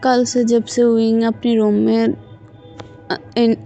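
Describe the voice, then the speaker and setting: A woman's voice: a little high, level tone, slow, creaky, mellow, muffled recording, soft background music. A woman casually retelling a fan-fiction story, loosely and with many fillers.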